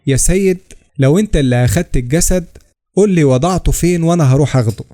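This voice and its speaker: A man's voice: fairly high pitch, fast talker, dark tone, lightly acted. A man voicing a grieving woman at an empty tomb, with an Egyptian Arabic accent, his own voice only lightly raised. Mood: pleading.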